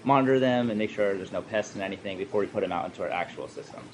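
Man, low voice, store employee, casual tour explanations, clearly noisy room. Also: racing, a little mellow. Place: indoor aquarium store room full of tanks. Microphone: handheld camera mic, a few feet away. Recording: noisy shop with constant equipment hum.

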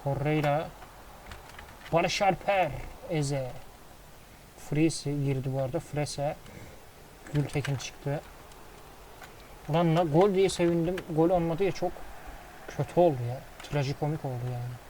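Excitable man calling a football game. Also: fairly high pitch, unhurried, long pauses, slight background noise, rough recording. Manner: excitable play-by-play, swears casually. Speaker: gaming commentator. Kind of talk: casual football game commentary.

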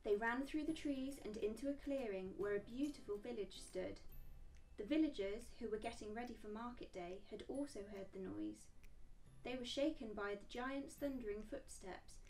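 A woman reads a children's picture book aloud in a gentle, expressive storytelling voice. Her tone sits fairly high with a gravelly edge, and she sounds set back from the mic. Soft music plays faintly behind her. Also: normal speed, distant mic.

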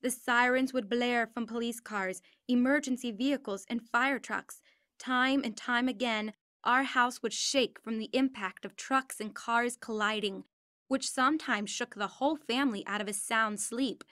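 A woman reading an audiobook in first person, with earnest, steady storytelling. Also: on the high side, normal speed, dry recording, clean studio sound. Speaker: audiobook narrator.

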